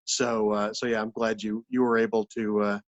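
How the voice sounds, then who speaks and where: A man talking casually as an interview guest, halting and repeating words as he searches for the next one. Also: on the low side, flat delivery, lo-fi sound. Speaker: puppeteer and voice actor, interview guest.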